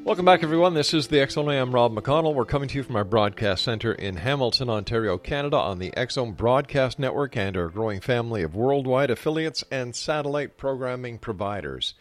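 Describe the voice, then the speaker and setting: A man's voice: mid-range voice, expressive, fairly quick, few pauses, soft background music. A man hosting a radio talk show, addressing listeners and introducing segments.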